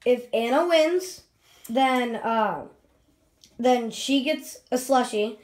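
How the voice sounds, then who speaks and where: A woman's voice: a little high, slow pace. A young female behind the camera, chatting casually as she runs a home vlog challenge. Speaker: camera operator running the challenge. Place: small bathroom. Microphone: handheld phone, close by.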